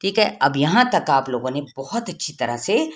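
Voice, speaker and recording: A woman with an Urdu accent teaching Quran pronunciation rules, reciting words slowly and then explaining each rule. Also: sits low, sing-song. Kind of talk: tajweed lesson with slow recitation.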